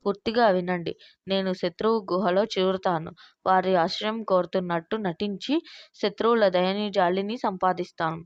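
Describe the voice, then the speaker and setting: A woman's voice: mid-range voice, steady tone, normal speed, dry recording, natural voice. A woman voicing a cunning male crow minister in a storybook cartoon, speaking in a pleading, persuasive way. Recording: dull lo-fi dry recording.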